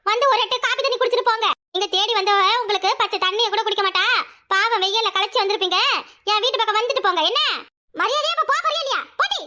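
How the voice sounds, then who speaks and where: A woman voicing a sharp-tongued, quarrelsome village housewife in a cartoon, with a Kanyakumari Tamil accent and a rapid, scolding manner. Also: very high-pitched. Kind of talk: cartoon voice acting.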